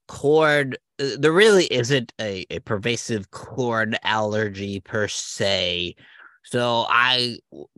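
A man's voice: mid-range voice, pushed and bright, no echo, clean studio sound. A man playing a smug, self-important male debate candidate who gives rambling, roundabout answers. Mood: pompous.

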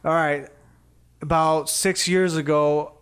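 Smooth-voiced man from Costa Rica. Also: a little high, steady tone, takes it slowly, fairly bright tone. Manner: loose and candid, many fillers and restarts. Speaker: guest artist. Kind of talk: casual podcast chat.

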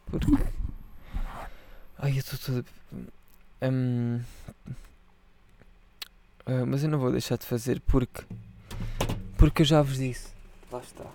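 A drunk man with a European Portuguese accent rambles on as a podcast host, circling back over his own words and swearing freely. His voice is gravelly and dark, with a mellow, low warmth. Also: dry recording. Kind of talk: rambling casual monologue to patrons.

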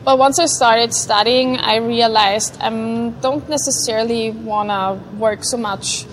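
Hesitant woman, fairly high voice. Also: fairly even intonation, slight background noise. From Vienna, Austria. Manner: hesitant, thoughtful, many pauses. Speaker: guest, neuroscientist. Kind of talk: casual interview chat.

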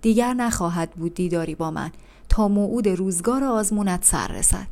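A woman reading aloud, voicing a solemn angel of God who speaks in an archaic, measured pronouncement. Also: medium pitch, darkish tone, natural voice. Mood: grave. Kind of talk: audiobook reading.

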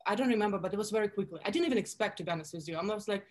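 A woman's voice: medium pitch, rapid-fire. A woman in her thirties from Russia with a Russian accent, a guest telling stories in a casual interview with plenty of fillers. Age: 30s. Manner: animated storytelling with many fillers.

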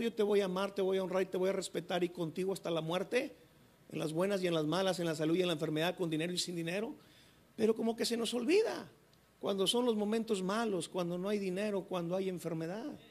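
A male pastor preaching a sermon, acting out quoted dialogue with restarts. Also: sits high.

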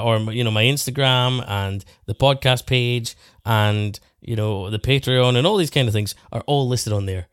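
A man's voice: medium pitch, a bit bright, no echo. Male podcast host. Informal, chatty and bantering, recorded dry. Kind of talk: casual chat about car detailing.

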